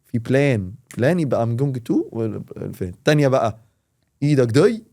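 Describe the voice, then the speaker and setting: A man with an Egyptian Arabic accent, a teacher talking in a casual podcast and explaining with quick, animated examples. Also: mid-range voice. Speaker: English teacher, podcast guest.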